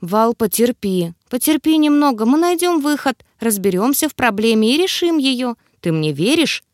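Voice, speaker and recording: A woman's voice: on the high side, very animated, normal speed, dry recording, clean studio sound, pitched above the performer's own voice. A woman voicing a cheerful, caring young male friend in an audiobook, teasing and then pleading.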